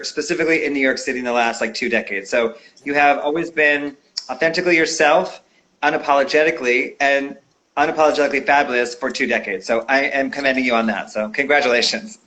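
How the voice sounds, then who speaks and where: A man's voice: mid-range voice, sharp tone. A man hosting a casual video-call interview, chatty and playful with many fillers. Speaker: podcast host.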